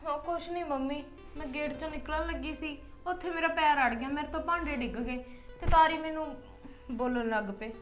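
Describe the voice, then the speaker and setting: A woman's voice: high-pitched, brisk, roomy sound, faint music behind. An actress playing a lonely young wife who plaintively voices her hurt in a family drama. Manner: plaintive, complaining softly.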